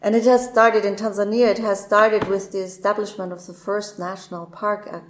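A woman's voice: mid-range voice, little pitch movement, normal speed, echoey room, over music. A woman speaking in a discussion, hesitant and full of fillers. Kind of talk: panel discussion.

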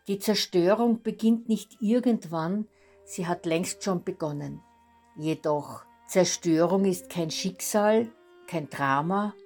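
An older woman with a lowish voice speaks slowly. Her scripted appeal is firm and urging. Faint music is heard behind her. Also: darkish tone.

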